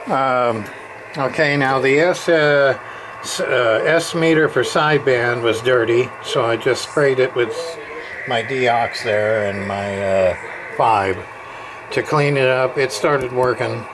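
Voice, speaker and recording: In an amateur workbench video with clear background noise, a radio repair hobbyist gives an informal, hands-on repair walkthrough. He rambles and mutters to himself, speaking slowly in a mid-range voice.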